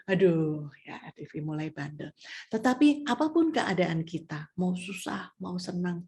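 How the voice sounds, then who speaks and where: A middle-aged woman with a Surabaya Indonesian accent, preaching a personal testimony sermon, moving between soft asides and raised exhortation. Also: mid-range voice.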